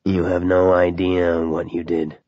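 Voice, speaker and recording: A cold, inhuman creature drags out each word in a slow, buzzing drone, as a male audiobook narrator puts it on. The voice sits low and husky, and the recording is a little dull and dry. Its tone is meditative and lecturing, never hurried. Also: monotone, no echo. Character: menacing buzzing male creature in yellow coat.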